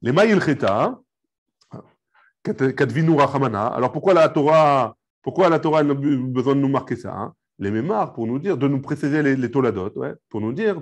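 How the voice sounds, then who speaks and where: A man with a fairly high voice teaches a live Talmud class. He explains each step with Hebrew and Aramaic terms and keeps checking that his students follow.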